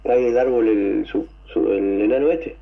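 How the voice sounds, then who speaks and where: A man with an Argentine accent, telling a story to a radio show, excited and rambling, with coughs and throat clearing. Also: fairly low pitch, normal speed, muffled recording. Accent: Argentine Spanish. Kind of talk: casual storytelling.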